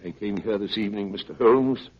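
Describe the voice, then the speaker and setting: An actor playing a cold, commanding criminal professor in a formal, threatening manner, in 1930s radio style. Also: male voice, on the low side, fairly quick, husky. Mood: menacing. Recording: muffled, crackly 1930s radio recording.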